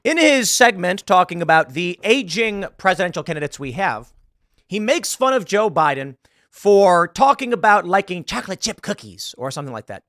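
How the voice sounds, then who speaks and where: A man, talking through political news in a solo commentary, animated and sarcastic. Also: high voice, moderate pace, no room sound, clean studio sound. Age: 30s. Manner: animated, sarcastic, mocking quoted voices.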